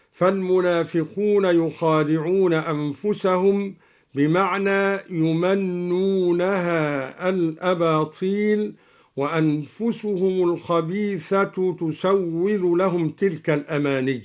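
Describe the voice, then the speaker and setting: A man explaining recitation variants in a measured, deliberate way, slowly intoning each verse he quotes as an example. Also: fairly high pitch. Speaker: Quran reading scholar. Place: radio studio.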